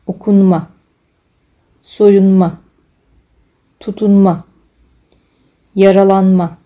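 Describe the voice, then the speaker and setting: A woman reading a list of single words aloud, one at a time, in a measured way. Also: mid-range voice, mellow. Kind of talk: reading a word list slowly.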